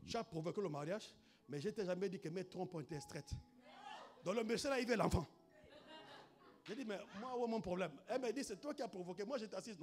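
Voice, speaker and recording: A man preaching a sermon, moving from hushed storytelling to shouted proclamations and calling out to his congregation. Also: sits high. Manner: punctuates with exclamations to the congregation. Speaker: pastor.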